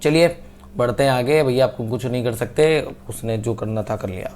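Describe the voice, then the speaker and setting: A young man teaching English idioms in a casual online coaching lesson, chatting with viewers and slowing down to read example sentences. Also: mid-range voice, a little mellow. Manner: chatty, addresses viewers as bhai sahab, slow when reading English examples.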